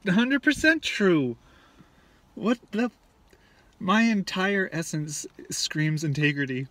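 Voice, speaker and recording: A man co-host in casual chat, joking and teasing in a deadpan way. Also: high voice, takes it slowly.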